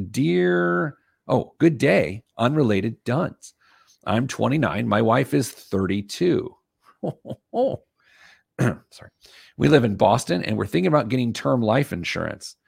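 A man with a hoarse, gravelly voice that is giving out, hosting a casual podcast in a jokey, self-deprecating way. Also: medium pitch, no echo, studio quality. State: losing his voice. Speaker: podcast host.

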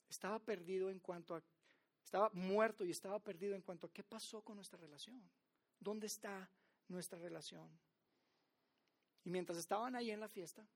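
A man delivers a sermon. He retells the story dramatically, rising to loud emphasis and dropping to near-hushed lines. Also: high-pitched. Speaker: pastor.

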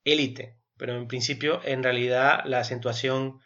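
A man co-hosting a casual podcast, explaining at length in a bright, forceful voice. He thinks aloud with fillers and keeps checking in with little tag questions. The recording is dull and lo-fi. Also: mid-range voice, normal speed. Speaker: podcast co-host.

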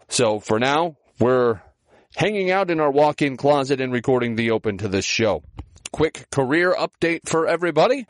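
A male sports podcast host speaks from inside a walk-in closet into a small handheld recorder. The clothes soak up the sound, so his mid-pitched voice comes across dry and close. He talks candidly and conversationally. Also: no echo. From Minnesota. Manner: plain, candid, conversational updates. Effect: dry closet sound, muffled by clothes. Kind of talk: podcast intro monologue. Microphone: small digital recorder.

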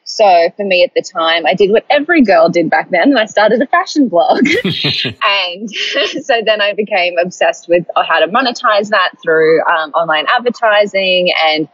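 A woman's voice: fairly low pitch, expressive, moderate pace, fairly bright tone, highs cut off. A woman in her thirties with a Brisbane Australian accent, chatting as an interview guest, laughing often and using many fillers. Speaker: guest, startup founder. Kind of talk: casual interview chat.

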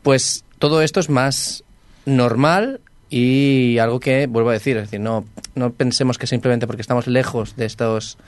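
A man co-hosting a podcast, explaining everyday online scams earnestly and deliberately. He pauses on fillers as he builds his point. His voice is mid-pitched and recorded dry. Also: dry recording. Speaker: podcast co-host. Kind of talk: casual chat.

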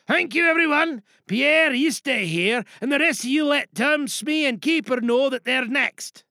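A brusque director. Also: male voice, extremely high pitch, measured pace, gravelly, pushed and bright, no echo, heavily acted. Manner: bossy, curt. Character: brusque male casting director.

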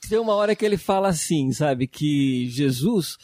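A Brazilian man with a slightly raised pitch talks through matters of faith in an earnest, reflective way. He draws his words out and leans on fillers. The sound is close and dry. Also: expressive, moderate pace, darkish tone, dry recording. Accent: Brazilian Portuguese. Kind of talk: casual faith discussion.

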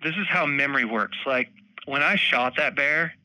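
Bright-voiced man telling a lively story. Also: mid-range voice, moderate pace, no room sound, low-quality recording. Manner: animated, laughs often, acts out moments. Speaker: podcast guest, bowhunter. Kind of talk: casual storytelling.

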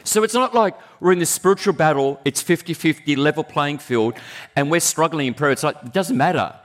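Preaching a sermon in a fairly quick, conversational manner, a man stays animated and breaks into sudden high exclamations.

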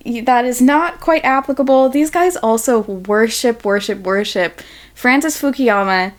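A woman's voice: a little high, a little slow. A woman guest on a podcast, chatting casually, often laughing and making sarcastic asides. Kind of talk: casual chat.

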